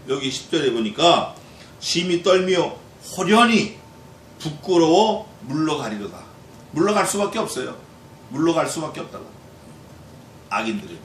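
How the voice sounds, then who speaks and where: A male pastor giving a Bible exposition sermon in a lively way, acting out quoted voices and putting questions to the congregation. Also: fairly high pitch. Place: church hall. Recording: echoey church hall, distant mic, faint noise.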